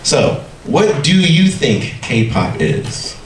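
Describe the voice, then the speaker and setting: A man's voice: on the high side, big pitch swings, very slow, noisy background. A man from the United States giving a friendly talk to an audience, checking in with them often. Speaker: lecturer. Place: lecture hall. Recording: echoey hall, faint ambience, mic at a distance.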